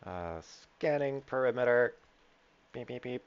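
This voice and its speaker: A man's voice: mid-range voice, animated, measured pace, clear, resonant tone, dull audio, pitched above the performer's own voice, close to an everyday voice. A man voicing a malfunctioning spaceship computer, beeping and announcing errors in a glitching robotic voice. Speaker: game master.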